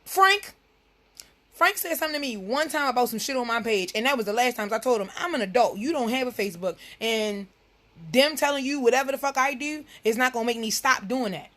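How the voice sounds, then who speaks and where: A woman's voice: fairly high pitch, fast talker, a bit bright. A woman, hosting a live talk show in a blunt, profane, emphatic monologue. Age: 30s.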